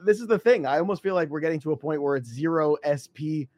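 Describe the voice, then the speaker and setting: A man's voice: a little high, quick pace, darkish tone. A man hosting a podcast in a conversational tone, leading the questions. The sound is dry, with no room echo. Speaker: podcast host. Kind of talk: casual podcast chat.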